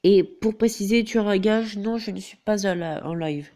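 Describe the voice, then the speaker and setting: A high, mellow voice at a normal pace belongs to a teenage gaming YouTuber who has a head cold. Narrating a game tutorial over the screen, he pauses hesitantly and keeps reaching for the same fillers, above all "donc voilà."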